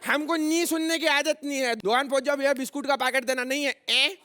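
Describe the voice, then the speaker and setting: A man playing a boastful Indori wrestler goon in a stage comedy sketch, loud and swaggering, with an Indori Hindi accent. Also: very high-pitched, steady tone, fast talker.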